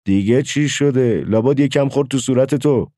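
A man reading a story aloud and voicing a gruff, impatient village father who gives brusque orders. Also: mid-range voice, warm tone, no room sound, studio quality, pitched above the performer's own voice, close to an everyday voice. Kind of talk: audiobook character voice.

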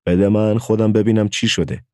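A man's voice: fairly low pitch, fairly even intonation, a little mellow, dry recording, studio quality, pitched above the performer's own voice, lightly acted. A man reading a story aloud and voicing an anxious village mother, with an urgent, exclaiming manner. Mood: calm. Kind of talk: audiobook character voice.

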